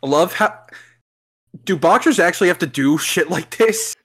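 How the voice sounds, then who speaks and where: A young man co-hosting a casual movie commentary, excitable, laughing often and swearing. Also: sits high, normal speed, husky. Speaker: podcast co-host.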